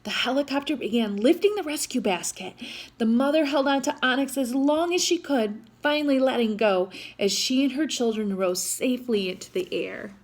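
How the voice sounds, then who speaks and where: Reading to young listeners at storytime, this woman uses an expressive, fairly high voice at an ordinary pace. Every so often she steps away from the story to chat with the kids.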